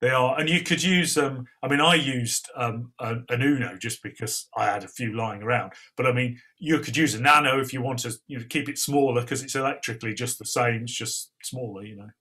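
A man with a Northern English accent, a guest speaker explaining radio building in a relaxed way with fillers. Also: mid-range voice, fairly quick, hardly any pauses. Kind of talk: casual technical talk.

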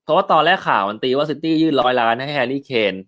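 A man's voice: medium pitch, rapid-fire, a bit bright. Chatty man hosting football news. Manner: chatty, reads and answers viewer comments; frequent filler sounds and polite particles. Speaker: football news show host. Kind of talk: casual football news chat.

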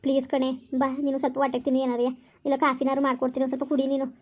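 A woman's voice: high-pitched, completely flat delivery, very fast, a little mellow, natural voice. A woman doing a soothing young friend. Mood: consoling. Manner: soothing, repetitive coaxing. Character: caring young female friend, gently consoling. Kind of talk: village family skit acting. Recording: dull lo-fi recording.

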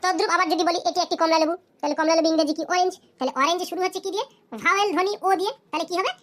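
In a cartoon grammar lesson, a woman with a very high voice talks quickly, firing questions at the class and answering them herself. She slows down to pronounce each English example. Her intonation stays fairly even and her tone is fairly bright.

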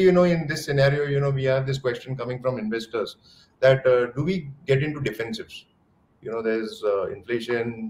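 A middle-aged man with an Indian English accent, hosting a video call and asking questions in a halting way full of fillers. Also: medium pitch, echoey room, rough recording. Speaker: host. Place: indoor room.

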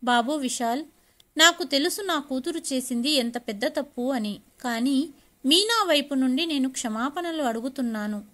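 A woman's voice: sits high, lively intonation, normal speed, fairly bright tone. A woman voicing a stern middle-aged father, disappointed but caring. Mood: stern, pleading.

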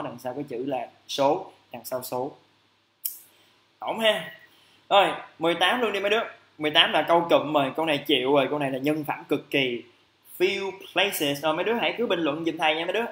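A man teaching an English vocabulary lesson on a livestream, lively and chatty, stretching out English phrases slowly. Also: fairly high pitch, roomy sound.

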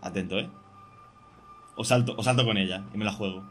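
A young man, hosting casual co-op gameplay chat, excitable and jokey, talking through every move. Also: fairly low pitch, brisk. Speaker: gaming podcast host.

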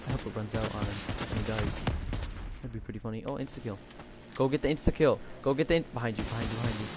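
A young man giving live commentary on his own gameplay. He is excitable, swinging between quiet muttering and shouting at his teammates. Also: fairly low pitch, fast talker, heavy background noise. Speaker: gamer.

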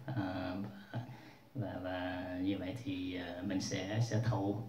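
A man's voice: low voice, completely flat delivery, takes it slowly, darkish tone, slight background noise. A man telling a casual story in a rambling way, with many restarts and fillers. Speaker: vlogger. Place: room at home. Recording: roomy, distant, dull sound.

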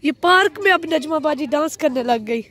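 A woman from Pakistan chatting excitedly and laughing as she narrates a family vlog, filmed outdoors in a park on a handheld phone. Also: sits high, moderate pace. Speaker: family vlogger.

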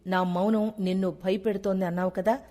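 A woman's voice: mid-range voice, level tone, a little fast, mellow, close to an everyday voice. A woman voicing a lovestruck young husband, reading his lines earnestly in a long reverb. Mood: intense.

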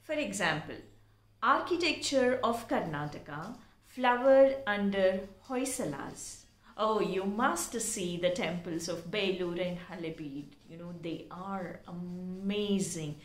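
A woman's voice: mid-range voice, expressive, a little slow, echoey room. A woman teaching pronunciation in an earnest, explanatory way, spelling words out letter by letter. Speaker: English teacher. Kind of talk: pronunciation lesson.

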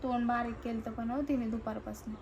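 A woman, a mother, in casual family chat, coaxing and gently scolding. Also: a little high, steady tone, brisk, lo-fi sound, background noise.

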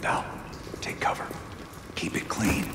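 A man playing a gruff, terse covert team leader in a video game. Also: slow pace, lightly acted. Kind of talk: video game drama acting. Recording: noisy game ambience behind.

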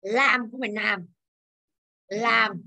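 High bright woman teacher, drills the class with questions. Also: fairly even intonation, extremely slow. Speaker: English teacher.

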